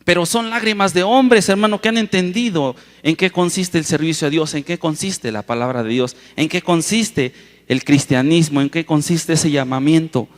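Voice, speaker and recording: A male preacher delivering an impassioned sermon in a large auditorium, his voice ringing with long reverb. He sits a little high for a man, draws key words out slowly and then surges louder, calling out to his listeners again and again. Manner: impassioned, keeps addressing the congregation as "hermano"; stretches key words slowly for emphasis, with sudden loud rises. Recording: reverberant hall sound.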